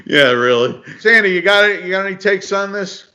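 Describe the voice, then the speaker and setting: A man's voice: sits high, animated, a little fast, bright, forceful tone, rough recording. A man hosting a casual discussion, asking questions and laughing easily. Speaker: host.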